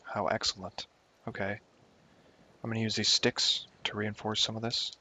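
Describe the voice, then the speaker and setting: A man's voice: on the low side, level tone, normal speed, pushed and bright. A young man giving casual gameplay commentary at home, rambling and joking at himself as he plays. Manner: rambling, self-mocking, talks to himself while playing. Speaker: gaming YouTuber. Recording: dull lo-fi home recording.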